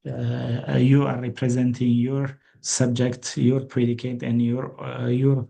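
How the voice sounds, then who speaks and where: A man's voice: mid-range voice, completely flat delivery, unhurried, gravelly, dark tone. A man from Ethiopia giving an online training lecture, hesitant, with many fillers and restarts.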